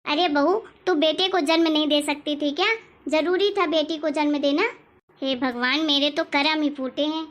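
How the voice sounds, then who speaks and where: A woman voicing a scolding, self-pitying grandmother in an animated family story. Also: high-pitched, normal speed. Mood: indignant.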